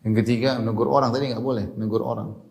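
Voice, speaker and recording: A male preacher delivering a religious lecture in a steady mid-range voice. He explains step by step and circles back to restate each point, often closing phrases with a short "ya" to check in with listeners. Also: mid-range voice, very fast, gravelly. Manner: explanatory, repeats key points, tags phrases with "ya". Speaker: Islamic preacher.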